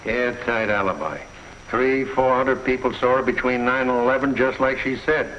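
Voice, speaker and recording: An actor playing a blunt, plainspoken police sergeant in a 1950s TV crime drama. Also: male voice, medium pitch, normal speed, a bit bright, a little hiss or hum, lightly acted. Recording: dull lo-fi 1950s TV soundtrack.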